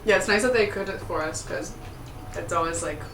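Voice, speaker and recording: A woman's voice: on the low side, fairly quick. A Canadian woman with a Canadian accent, a guest chatting over a meal, talkative and giggly with lots of fillers. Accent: Canadian English. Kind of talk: casual chat over a meal. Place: restaurant. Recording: echoey room, mic at a distance, faint noise.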